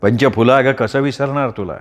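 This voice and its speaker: A man's voice: mid-range voice, soft background music, lightly acted. A man playing a stern, short-tempered landowner. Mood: tender. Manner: stern, slow and weighty.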